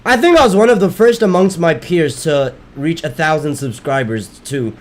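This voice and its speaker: His voice worn from streaming every day, a man is losing it as he plays a game and chats at normal speed. It sits a bit above typical male pitch, and he rambles, backtracks on his words and swears casually between moves.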